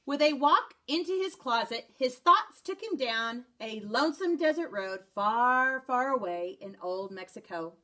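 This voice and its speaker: A woman, a first-grade teacher, reading a picture book aloud in an expressive, animated way. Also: fairly high pitch, a little slow, few pauses.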